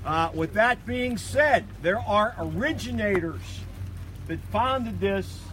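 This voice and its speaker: A man's voice: sits high, lively intonation, slow pace, a bit bright. A man informally announcing an outdoor event in a joking, folksy way. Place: outdoors by a river at a charity event. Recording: noisy outdoor live stream.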